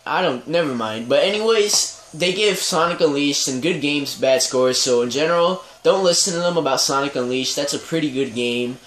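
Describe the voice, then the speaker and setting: A man's voice: fairly high pitch, normal speed, few pauses, fairly bright tone. A young man hosting a casual gaming discussion, opinionated and rambling, often hedging with "I mean". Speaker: podcast host. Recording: echoey room with faint noise.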